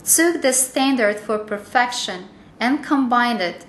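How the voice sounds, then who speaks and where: A woman reading scripted corporate training narration in a careful, measured way, with small slips in her phrasing. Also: on the high side, lively intonation, fairly bright tone, echoey room, a little hiss or hum.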